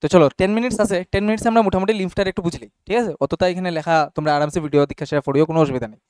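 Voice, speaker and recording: A man's voice: sits high, racing, darkish tone, clear, resonant tone, no echo, clean studio sound. A young man teaching a class casually and often checking whether students follow. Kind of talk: classroom biology lesson.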